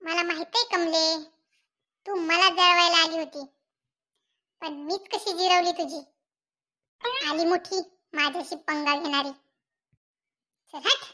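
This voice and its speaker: A performer voicing a sharp-tongued, gloating middle-aged village woman in a cartoon comedy, speaking in a taunting, scolding way. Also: very high-pitched, steady tone, unhurried, long pauses, exaggerated voice. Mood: mocking. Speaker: Shantabai, neighbor.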